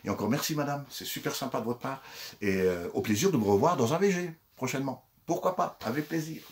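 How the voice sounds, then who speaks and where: A man's voice: mid-range voice, animated, fairly quick. An older man chatting casually about his secondhand finds into a phone, with lots of fillers and restarts. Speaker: secondhand collector vlogger. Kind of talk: casual chat.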